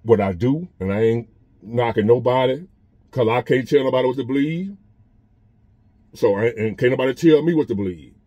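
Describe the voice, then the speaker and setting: This man in his fifties vlogs from a parked truck, speaking to his phone camera in an earnest, repetitive, conversational-preaching style. He has a mid-range voice at normal speed, and the muffled recording carries no echo.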